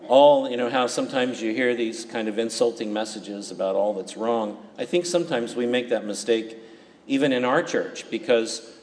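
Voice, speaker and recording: A man, a priest, reading the Gospel and preaching at Mass in a calm, steady way, his voice carried by a long cathedral-like church echo. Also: medium pitch, normal speed. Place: large church. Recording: reverberant church, faint background noise.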